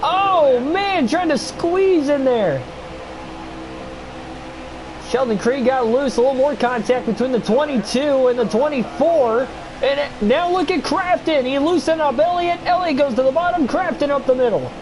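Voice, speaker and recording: With a very high-pitched voice and lively intonation at normal speed, a young streamer calls a video game race play-by-play and chats with his viewers. He has a stuffy nose, his voice is getting worn, and the background is noisy.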